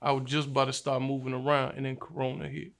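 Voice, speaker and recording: A young man from Virginia speaks in a flat, even tone, with a gravelly edge to his voice. He tells his story in a laid-back, slangy way during a casual sit-down interview. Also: mid-range voice, quick pace. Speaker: rapper, interview guest.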